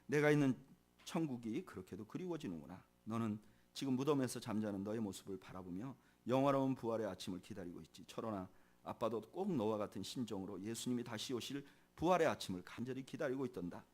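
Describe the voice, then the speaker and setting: A man preaching as a pastor, reading a tender letter to his son who has died. His voice is of middle pitch, and his grief shows as it softens and drops at the close of each phrase. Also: lively intonation, fast talker. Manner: tender, grieving, softening and sinking at phrase ends.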